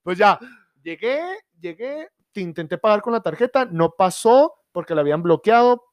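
High-voiced man, crude banter. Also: animated, normal speed, no echo, muffled recording. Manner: crude slang-heavy storytelling. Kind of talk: casual chat.

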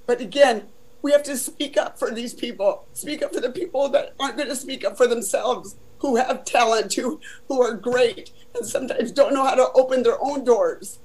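An older Southern California woman with a deep, darkish voice tells her life story in a casual, chatty interview, leaning on "you know." She speaks at a moderate pace, and the recording is rough.

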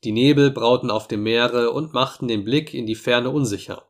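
Guy reading an old sea story aloud, calm measured pace, mid pitch. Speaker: audiobook reader. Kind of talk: scripted narration.

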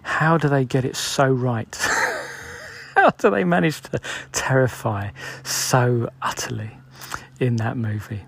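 A British man in his forties hosts a solo podcast with a gravelly, husky voice. He thinks aloud in a loose, meandering monologue, wandering from point to point as ideas come to him. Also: mid-range voice, measured pace. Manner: musing, loosely planned, rambling. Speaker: podcast host.

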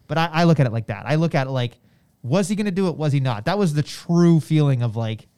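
A man's voice: on the high side, lively intonation, fast talker, darkish tone, smooth. A man co-hosting a podcast in a casual, conversational way, repeating phrases as he reasons things out. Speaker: podcast co-host. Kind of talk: casual discussion of wrestling.

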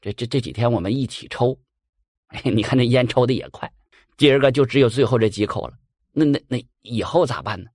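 A man's voice: medium pitch, a little fast, a little mellow, no room sound, clean studio sound, lightly acted. A man voicing a greedy male opium addict who stammers and wheedles. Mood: wheedling.

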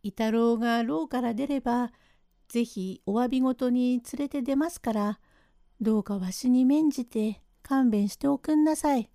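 A woman's voice: fairly high pitch, normal speed, dark tone, no room sound, clean studio sound, lightly acted. Woman doing a deaf, humble old father. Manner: polite, rambling, mishears everything. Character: elderly male plasterer's father, hard of hearing, humble. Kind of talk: rakugo storytelling reading.

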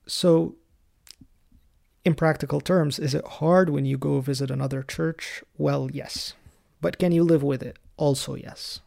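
A man hosting a solo teaching podcast, explaining church history in a calm, lightly wry way. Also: mid-range voice. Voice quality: gravelly. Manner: raised in the Coptic Orthodox Church. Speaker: podcast host.

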